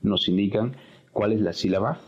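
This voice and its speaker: Male english teacher, lowish voice, unhurried, echoey muffled recording. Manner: patient, step-by-step explaining. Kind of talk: explaining a workbook exercise. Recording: echoey, dull-sounding recording.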